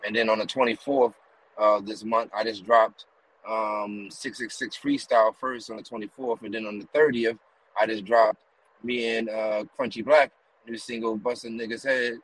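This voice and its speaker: This guest, a male rapper and promoter from the East Coast, talks at a moderate pace in a level, lowish voice that's a bit bright. The rough recording carries a little hiss or hum as he rides in a car for a casual interview, telling rambling run-on stories dotted with fillers and "you know what I mean."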